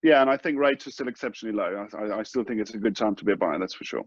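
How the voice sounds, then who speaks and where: Male mortgage broker, low voice, hesitant and measured, dull dry lo-fi audio. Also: slightly rough, dry recording. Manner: hesitant, measured, many fillers. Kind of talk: casual advice talk.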